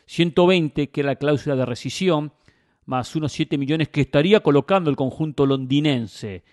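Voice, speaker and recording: A man's voice: fairly high pitch, normal speed, a little mellow, dry recording, studio quality. A man giving opinionated football commentary as a host, emphatic and fond of rhetorical questions and repetition.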